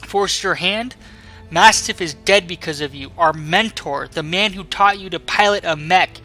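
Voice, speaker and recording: An indignant young rebel noblewoman from a video game, read out by a man. The delivery is impassioned and accusing. The tone is sharp and a little high for a man. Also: measured pace, faint music behind, full character voice. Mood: wounded anger. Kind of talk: dramatic read-aloud of game dialogue.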